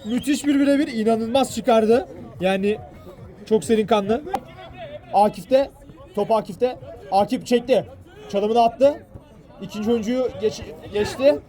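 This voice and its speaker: High-pitched man commentating football over crowd. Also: measured pace, long pauses. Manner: exclamatory, repeats phrases and names. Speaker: match commentator. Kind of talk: excited live football commentary. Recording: loud crowd behind, outdoor match. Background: cheering crowd at an outdoor pitch.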